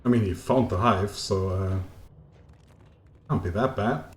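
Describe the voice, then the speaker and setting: A man with a German accent commentating a live strategy game as caster, chatty and joking, lifting into excitement on the action. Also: on the low side, unhurried, reverberant. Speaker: esports caster.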